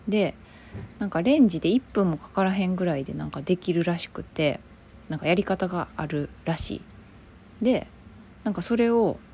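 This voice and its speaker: A woman with a Kansai accent, an actor chatting alone on her own show, relaxed and rambling, often sinking to a soft near-whisper. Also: fairly low pitch, creaky, a little hiss or hum. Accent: Kansai Japanese. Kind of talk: casual solo podcast chat.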